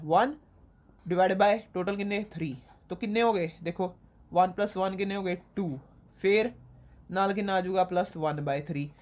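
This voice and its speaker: A woman math teacher from Punjab, India, walks a class through a lesson step by step. She asks a question, pauses, and supplies the answer herself, repeating key points patiently. English math words are sprinkled through her explanations. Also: fairly low pitch, a little mellow. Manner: mixes English math terms into her talk.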